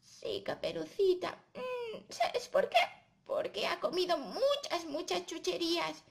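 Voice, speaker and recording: A woman's voice: extremely high pitch, sing-song, a little slow, gravelly, voice pushed up, full character voice. Woman doing a kindly lecturing granny. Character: kindly scolding old grandmother.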